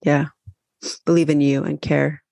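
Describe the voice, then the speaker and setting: A woman's voice: low-pitched, flat delivery, a little slow, gravelly, dark tone, no echo, studio quality. A woman co-hosting a podcast, talking reflectively with fillers and restarts. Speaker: podcast co-host. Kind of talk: casual podcast talk.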